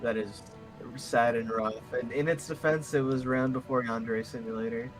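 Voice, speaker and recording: A man of middle pitch chats loosely with his fellow tabletop players, circling back over his own words and trading crude, joking insults. Faint music plays softly behind him. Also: steady tone, moderate pace, poor audio. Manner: rambling, full of restarts and fillers; crude, playful swearing. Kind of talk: casual chat among players on a live stream.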